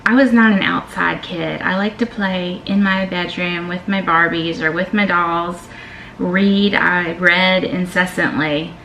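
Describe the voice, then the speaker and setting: A woman's voice: fairly low pitch, steady tone, measured pace, vocal fry, sharp tone. A middle-aged woman with a Southern American accent, chatting casually as she answers tag questions in her vlog, emphatic and fond of saying y'all. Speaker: vlogger. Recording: echoey room with faint ambient noise.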